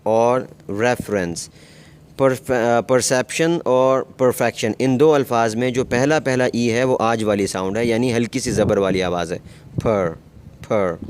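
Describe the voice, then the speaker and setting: A man giving a recorded pronunciation lesson, speaking slowly and carefully and repeating each example word twice. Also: lowish voice, a little mellow, clear, resonant tone. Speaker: English teacher.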